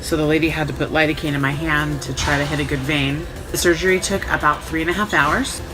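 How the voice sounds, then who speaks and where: Casting: woman with a low voice, frank and sardonic storyteller, sore and recovering post-op, music underneath. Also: fairly even intonation, fast, poor audio. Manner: frank, wry, sarcastic. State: sore and recovering a day after surgery. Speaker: vlogger recounting own surgery. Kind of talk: casual first-person storytelling.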